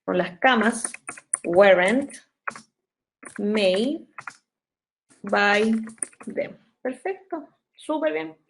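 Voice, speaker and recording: A young woman teaching English grammar in an online class, explaining patiently step by step and slowing down to dictate sentences. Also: mid-range voice, expressive, slight background noise, poor audio.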